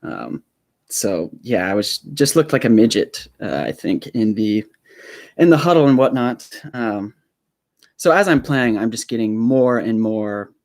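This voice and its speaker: A man's voice: on the low side, expressive, unhurried, a little mellow, no echo. Nervous rambling young man on a live stream. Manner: nervous, rambling, many fillers and restarts. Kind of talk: casual solo live stream storytelling. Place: home room set up as a studio. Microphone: small desk microphone.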